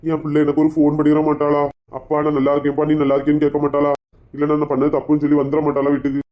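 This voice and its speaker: A woman with a Kanyakumari Tamil accent playing a soft-hearted grieving father who pleads and complains in a comic skit. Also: sits low, completely flat delivery, very fast, pitched below the performer's own voice, natural voice. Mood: sulky. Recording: dull lo-fi sound.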